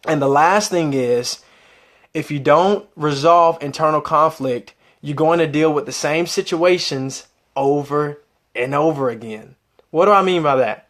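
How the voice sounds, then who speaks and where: A man's voice: fairly high pitch, a bit bright. A man giving an explanatory, conversational motivational talk, repeating phrases for emphasis and putting rhetorical questions to the listener. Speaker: motivational speaker.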